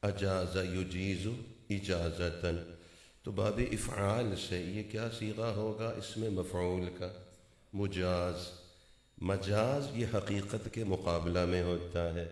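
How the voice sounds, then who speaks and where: Echoing low-voiced teaching preacher. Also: male voice, steady tone, a little mellow. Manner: drawn-out chanted letter names, didactic. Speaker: mufti giving a religious talk. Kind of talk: sermon on correct Quran pronunciation. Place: large mosque gathering. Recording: echoey mosque hall.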